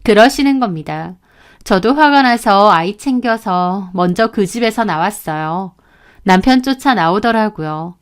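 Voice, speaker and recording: A woman in her thirties, with a clean mid-range voice, lively intonation and a slightly slow pace, tells her own story as a daughter-in-law. She sounds indignant and complaining, acting out the dialogue.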